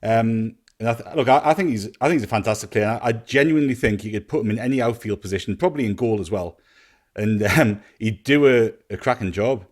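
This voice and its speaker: A man's voice: on the low side, quick pace, darkish tone. A man talking casually about football as a podcast panellist. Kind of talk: casual football fan chat.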